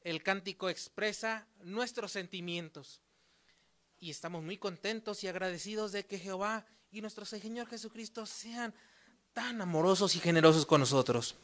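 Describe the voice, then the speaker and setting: A chairman leads a congregation meeting. The delivery is formal: songs and speakers are announced in a steady, orderly way. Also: mid-range voice, normal speed.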